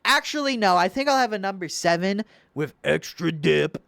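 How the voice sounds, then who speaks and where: A man voicing an indecisive male customer ordering fast food, hesitant and drawn-out. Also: high voice, sing-song, vocal fry, fairly bright tone, smooth, no echo, exaggerated voice. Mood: dithering.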